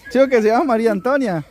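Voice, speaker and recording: High-voiced joking Guatemalan man. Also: darkish tone. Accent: Guatemalan Spanish. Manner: joking, chatty, addresses viewers. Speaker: vlogger, taco seller. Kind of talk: casual chat.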